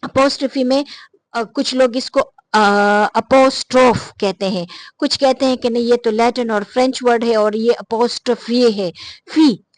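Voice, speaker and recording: A woman gives a casual spoken lesson on phonetic transcription in a slightly high voice. She talks patiently, pauses on frequent fillers and repeats example words slowly. The recording is close and dry, with no room sound. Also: steady tone, dry recording. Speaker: English phonetics teacher.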